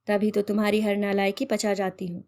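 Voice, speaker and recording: A woman's voice: mid-range voice, level tone, a little fast, darkish tone, natural voice. A woman voicing a witty, cheeky young sister-in-law in playful banter. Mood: teasing.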